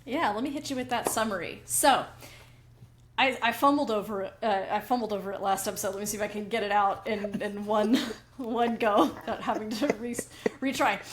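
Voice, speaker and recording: A woman's voice: mid-range voice, brisk, background noise. A woman co-hosting a casual podcast, chatty and upbeat. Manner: upbeat, chatty, laughs easily. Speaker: podcast co-host.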